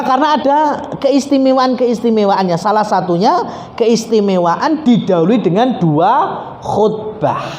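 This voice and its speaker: A male preacher with a Javanese accent giving an animated, joking religious study lecture, slipping into Javanese and Arabic recitation. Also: high-pitched. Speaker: Islamic preacher. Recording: echoey hall, faint background noise.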